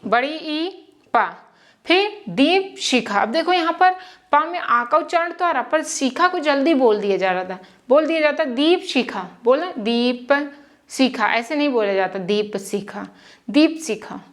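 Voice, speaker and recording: A woman's voice: high-pitched, animated, a little slow. A woman teaching how to spell names, patiently sounding out syllables and checking in with the listener. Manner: patient, repeats and checks with "ठीक है". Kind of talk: slow spoken lesson.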